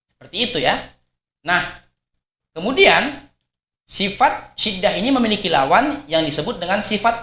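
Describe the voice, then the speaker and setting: A man's voice: sits high, pushed and bright. A man teaching a Quran recitation lesson. He explains patiently, repeats his points, and models each sound aloud. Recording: echoey room.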